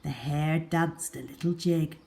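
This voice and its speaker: This storybook narrator for little ones has a low, gravelly voice. She performs expressively and theatrically, taking her time and letting each phrase end in a hush.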